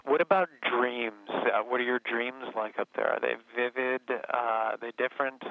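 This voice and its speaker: A man's voice: medium pitch, steady tone, moderate pace, gravelly, no echo. A man asking casual, curious questions over a radio link like a sci-fi communicator. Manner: curious, easygoing questions with fillers. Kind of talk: casual live chat. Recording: tinny dry radio line.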